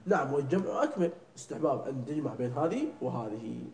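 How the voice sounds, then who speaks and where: A man teaches a lesson on prayer recitation, drilling pronunciation slowly and checking that his students understand. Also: mid-range voice, expressive, darkish tone. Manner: keeps checking understanding with short questions. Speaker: religious teacher. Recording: echoey room.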